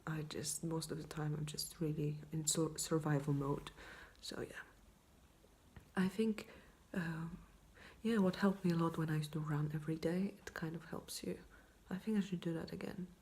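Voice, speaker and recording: A tired woman talking quietly at night in a rambling casual vlog, mostly in a whisper, close to her phone. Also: low voice, fairly even intonation, moderate pace. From Poland. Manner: quiet, hushed night-time talk, often whispering; rambling, self-deprecating. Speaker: vlogger. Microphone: iPhone, leaning in close.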